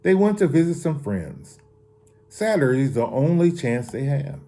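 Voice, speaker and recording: A man's voice: a little high, sing-song, measured pace, warm tone, pitched above the performer's own voice. A man voicing an earnest young newsstand boy. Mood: plain.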